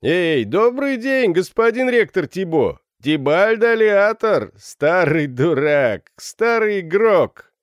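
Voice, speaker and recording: A man voicing a crowd of unruly young male students who heckle and shout, pitched far above his own voice and loud. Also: very animated, slow, no room sound, full character voice. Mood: heckling. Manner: shouting, mocking.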